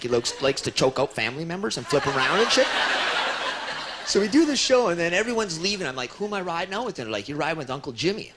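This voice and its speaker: A young man doing a stand-up comedy routine on stage, telling stories animatedly and acting out the people in them. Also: mid-range voice. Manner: animated storytelling, acts out characters, frequent "right?" and "you know?". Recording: loud audience noise in a broadcast stage recording. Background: audience laughter.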